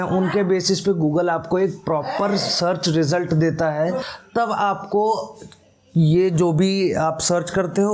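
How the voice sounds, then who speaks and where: A man's voice: a little high, darkish tone. A man hosting a casual tech explainer, chatty and conversational with frequent fillers and self-corrections. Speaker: tech YouTuber host. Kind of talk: casual explainer talk to camera.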